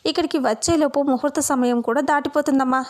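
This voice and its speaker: A man's voice: very high voice, steady tone, fast. Woman reading a sly young husband. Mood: smug. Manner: smug, teasing.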